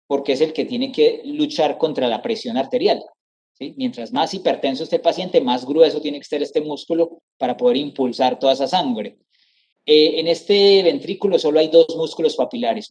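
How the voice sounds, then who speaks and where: A middle-aged man lectures on anatomy over slides in a mellow, warm voice. He explains step by step, repeats each term and keeps checking that the class follows. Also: mid-range voice, lo-fi sound. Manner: explanatory, repeats terms, checks understanding with "¿sí?" and "¿cierto?".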